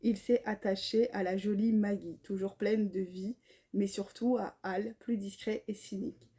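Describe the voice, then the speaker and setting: A woman's voice: mid-range voice, steady tone, unhurried, dark tone, husky. A woman chatting casually about books, reading blurbs aloud and tripping over names. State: tired. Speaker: book vlogger. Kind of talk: casual chat.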